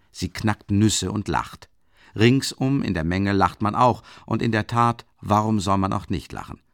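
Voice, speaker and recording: A middle-aged man narrating a novel as an audiobook in a dramatic, expressive way. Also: lowish voice, no room sound, studio quality. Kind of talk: scripted literary narration.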